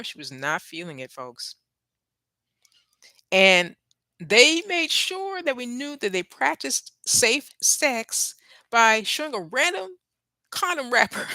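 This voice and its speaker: Lively, chatty woman with a bright voice. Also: fairly high pitch, no room sound. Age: 40s. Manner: chatty, laughs often, trails off. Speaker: YouTube livestream host. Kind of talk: casual chat on a livestream. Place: apartment with thin walls.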